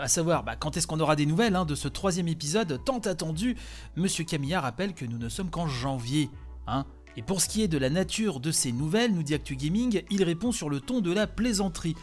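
A man hosting a gaming news podcast, talking casually with many small fillers. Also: fairly high pitch. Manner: chatty, many "hein" and "euh" fillers.

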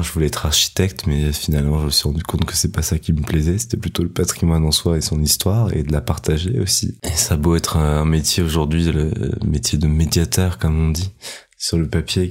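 Very deep-voiced man, hesitant chat. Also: husky. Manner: hesitant, many fillers, laughs often. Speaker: guest, heritage guide. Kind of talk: casual interview chat.

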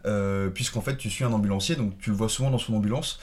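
A man's voice: on the low side, fast talker. A man in casual podcast chat about films, rambling with many fillers and restarts. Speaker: podcast co-host.

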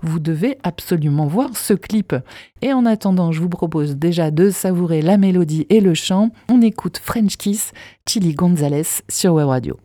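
A woman presents a music segment on local radio, reading her script with polished enthusiasm. Her voice is warm and mellow and sits a little low. The studio sound is dry and close to the microphone. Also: moderate pace, dry recording.

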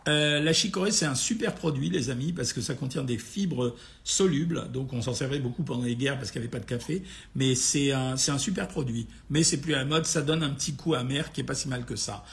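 Gravelly, hoarse, tired Frenchman. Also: mid-range voice, brisk. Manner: blunt, familiar, addresses listeners directly. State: tired, a bit worn out. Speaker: doctor hosting a nutrition question-and-answer session. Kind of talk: informal live question-and-answer, reading out comments and replying.

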